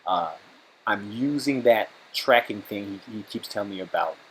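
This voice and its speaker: A man's voice: on the low side, moderate pace, a little hiss or hum, rough recording. A man giving informal, self-analytical play-by-play commentary on his own sparring. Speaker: student narrating own sparring.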